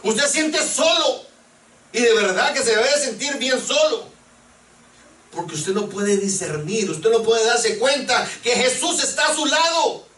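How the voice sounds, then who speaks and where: A man's voice: extremely high pitch, animated, measured pace, fairly bright tone. A male preacher giving a sermon. He questions the congregation and acts out pleading prayers. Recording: echoey room, mic at a distance.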